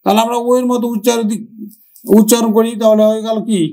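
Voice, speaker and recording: High-voiced Bangladeshi man teaching grammar. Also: flat delivery, vocal fry, dark tone. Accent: Bangladeshi Bengali. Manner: slow, drawn-out repetition of words. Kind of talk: exam-prep grammar lesson.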